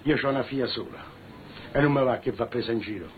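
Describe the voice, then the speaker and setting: A man's voice: mid-range voice, fast talker, phone-quality sound, slight background noise, lightly acted. An actor with a Roman accent playing a boastful, menacing father who threatens his daughter's suitor. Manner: boastful, menacing, shouting at times. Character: blustering Roman father, proud, threatening tough guy. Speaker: actor in a film scene.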